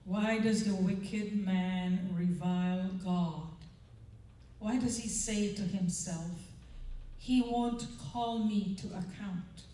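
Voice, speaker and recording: A woman's voice: mid-range voice, steady tone, slow, dark tone, distant mic. Earnest woman speaking in an echoey hall. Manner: earnest, conversational, checks in with the audience. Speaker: chapel speaker. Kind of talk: chapel devotional and prayer. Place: large church auditorium stage. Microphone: handheld microphone. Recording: echoey hall, mic heard from afar.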